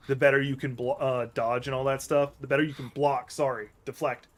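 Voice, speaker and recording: With a mid-range, fairly quick voice that barely moves in pitch, a gaming streamer plays an action game and talks through it casually. English is his first language; he rambles, fixes his words mid-sentence and keeps addressing his chat.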